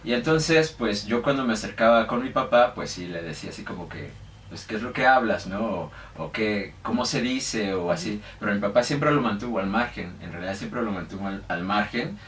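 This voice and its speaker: Brisk and lively in intonation, this young Mexican guest has a Mexican accent and a fairly bright voice on the low side. His casual interview speech is full of hesitations, fillers and restarts. It's captured in an echoey room on a distant mic with faint noise.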